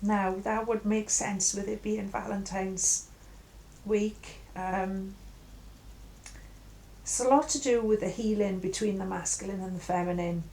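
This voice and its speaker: A middle-aged woman giving an intuitive tarot reading in a musing, halting way with many fillers. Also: mid-range voice, steady tone, vocal fry, mellow, rough recording. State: coughing at times. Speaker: tarot reader.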